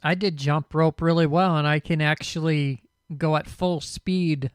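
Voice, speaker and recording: A man with a smooth, clean voice pitched a little high chats loosely with friends on a call. He is laid-back and laughs easily. His desk mic is compressed and sounds dry and close. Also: steady tone, measured pace, no echo. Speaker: show host on a voice call. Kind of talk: casual group chat.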